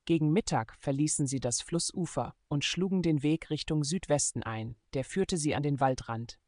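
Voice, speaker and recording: A man reading a German adventure novel aloud in steady, measured scripted narration. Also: a little high, dry recording, clean studio sound. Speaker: audiobook narrator.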